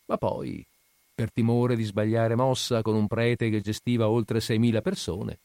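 A man reading short stories aloud in an expressive, ironic storytelling manner. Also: on the low side, a little slow, creaky, dry recording. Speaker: reader.

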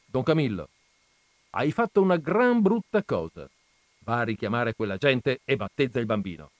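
Brief: male reader as Christ on the cross, stern but patient, lively emphatic scolding, storybook. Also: mid-range voice, normal speed, no echo, voice pushed up, natural voice. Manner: admonishing, raised and emphatic. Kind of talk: dramatized audiobook reading.

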